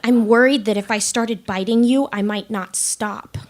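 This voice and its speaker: A woman's voice: on the high side, steady tone, moderate pace, darkish tone, some chatter behind, close to an everyday voice. A woman playing a timid new monster. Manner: wondering, politely hesitant. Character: timid newly turned female monster. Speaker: narrator and lead character. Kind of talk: audio drama.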